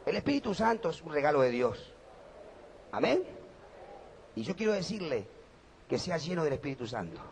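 A man preaching a sermon. His voice is gravelly and worn, and he moves between quiet talk and fervent shouting. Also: on the high side, big pitch swings, fast, slight background noise.

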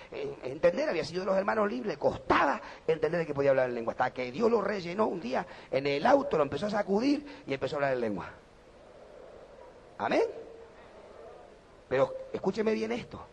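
A man preaching a sermon. His voice is gravelly and worn, and he moves between quiet talk and fervent shouting. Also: fairly high pitch, a little hiss or hum.

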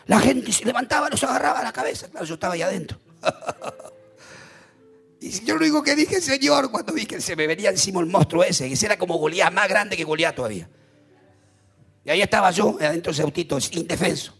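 A man preaching, telling a story dramatically in animated bursts. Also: sits high, fast talker, creaky, long pauses, husky, faint music behind.

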